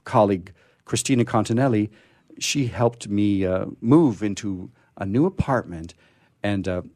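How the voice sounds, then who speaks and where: A man with a lowish, slightly mellow voice hosts a radio show in casual, unscripted talk, heard in a dry, clean studio recording. He has a sore throat and speaks haltingly, often stammering and restarting mid-phrase.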